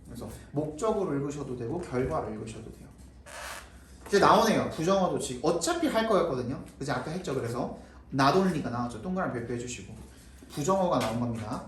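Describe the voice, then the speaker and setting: A man's voice: on the high side, lively intonation, brisk. Roomy classroom English tutor, man. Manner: explains patiently, checks in with students often. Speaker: high school English tutor. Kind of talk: classroom grammar lesson. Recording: roomy, mic far off, faint noise.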